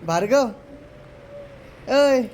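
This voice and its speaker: A man's voice: extremely high pitch, expressive, extremely slow, a little mellow, slight background noise. A man vlogging at home, teasing and cajoling a relative during a family prank. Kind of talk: casual family prank vlog. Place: indoors at home.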